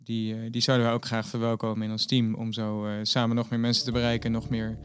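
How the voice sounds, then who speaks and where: Flat-voiced founder speaking earnestly. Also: male voice, medium pitch, soft background music. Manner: earnest, lots of filler pauses. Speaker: company founder and CEO. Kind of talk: interview answers.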